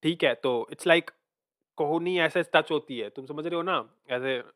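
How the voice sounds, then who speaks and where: A man's voice: fairly high pitch, measured pace. Chatty man breaking down rap lyrics. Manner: mixes Hindi and English, repeats lyrics aloud, thinks out loud. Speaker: music reaction host. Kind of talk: casual reaction breakdown.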